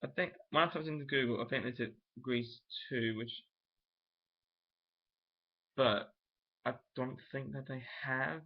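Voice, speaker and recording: A young man chatting casually to his camera, wandering from thought to thought and restarting his sentences as he goes. His voice sits at an ordinary middle pitch, and the recording has a dull, lo-fi home sound. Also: steady tone, measured pace, pauses often. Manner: rambling, thinking aloud with many restarts. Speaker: vlogger. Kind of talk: casual vlog chat.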